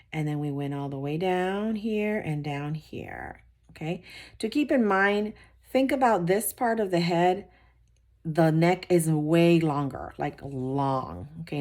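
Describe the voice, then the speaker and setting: A woman with a low voice teaches children to draw, one simple step at a time. She talks slowly and patiently, repeating instructions and reassuring them. Her tone stays encouraging throughout the lesson. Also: darkish tone.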